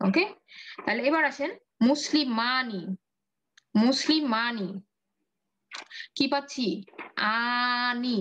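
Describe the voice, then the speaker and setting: Woman, grammar teacher, online class, patient, repetitive drills, high voice, muffled lo-fi sound. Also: slow, pauses often, fairly bright tone, slight background noise. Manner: patient, repeats drills, asks the class questions.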